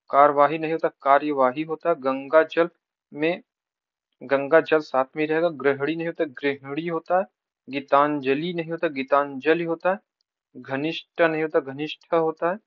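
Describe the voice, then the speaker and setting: A man's voice: a little high, dry recording, muffled recording. A man teaching an exam-prep spelling lesson, rattling through word lists and repeating each word with short tips. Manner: rapid rote listing, repeating each word with brief tips.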